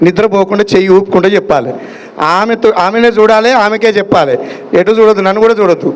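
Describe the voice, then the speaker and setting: A man, a pastor officiating a wedding, joking with the couple and leading the vows loudly line by line. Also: high-pitched, quick pace. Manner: jovial and teasing, loud call-and-repeat prompting.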